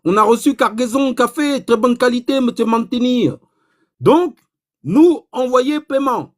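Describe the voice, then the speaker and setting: A man's voice: very high-pitched, unhurried, voice pushed up. A man voicing an eager, polite male coffee buyer who speaks broken French without articles.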